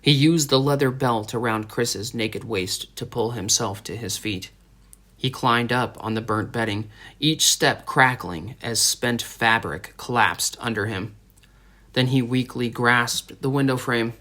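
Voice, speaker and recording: A man reading a dramatic story aloud as an audiobook narrator, in a steady storytelling manner. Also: medium pitch, a little slow. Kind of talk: scripted narration.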